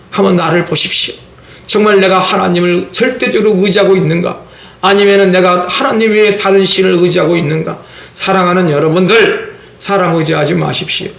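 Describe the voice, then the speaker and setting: High, gravelly-voiced man preaching. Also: echoey room. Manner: impassioned preaching, rising to shouts. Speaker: pastor. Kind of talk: Sunday sermon. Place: church sanctuary.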